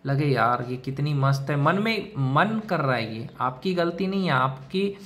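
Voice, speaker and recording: Man, slightly raised pitch, lecturing straight to camera, repeats his rules, calls the viewer brother. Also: expressive, unhurried, a bit bright. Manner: lecturing, repetitive, addresses listener as brother. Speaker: self-help video host. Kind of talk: direct-to-camera advice monologue.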